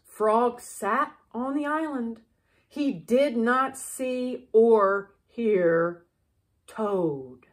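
A woman reading a children's bedtime story in a deliberate, expressive way with dramatic pauses. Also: on the high side. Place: living room with brick fireplace, indoors.

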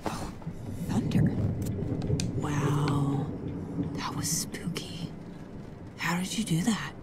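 A woman voicing a young wife in a video game, speaking in a hushed, breathy way and turning guarded and defensive. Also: sits low, extremely slow, in a whisper. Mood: uneasy. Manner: guarded, then frantic when arrested. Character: young wife caught up in a nightmare evening.

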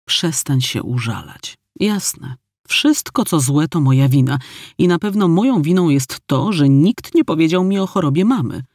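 A man reading an audiobook, voicing a hurt, quick-tempered young woman who speaks in an irritated, demanding way. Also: fairly high pitch, lively intonation, a little mellow, no room sound, studio quality.

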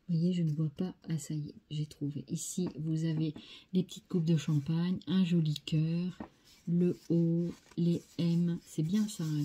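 This low-pitched, husky woman's voice carries a warm tone. She's a French scrapbooking host who chats cheerfully as she presents her craft mail, repeatedly saying "très sympa" about every item.

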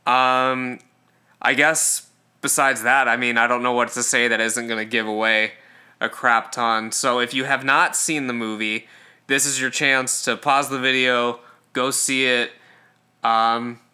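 A man hosting a podcast, chatting casually and relaxed about a film. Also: medium pitch, measured pace. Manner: relaxed, laughs easily. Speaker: podcast host. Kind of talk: casual film review chat.

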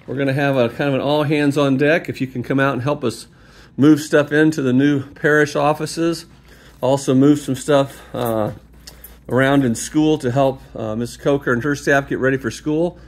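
A man at a middle pitch narrates a walking tour of an empty new building. He talks casually into a handheld phone and rambles between excited praise and quiet muttered asides. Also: moderate pace. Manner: enthusiastic, rambling, often drops to a mutter. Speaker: parish staff member giving a building tour. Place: large new school building, empty gym and halls. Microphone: handheld phone camera, speaker off screen.

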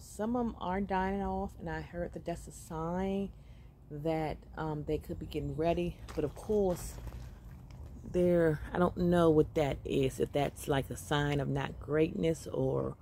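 A woman giving a casual walk-through of her container garden, upbeat and grateful, chatting with pauses and fillers as she films on a phone held close. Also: sits low, a little mellow, a little hiss or hum. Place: outdoor container garden on gravel. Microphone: phone camera held close while filming plants.

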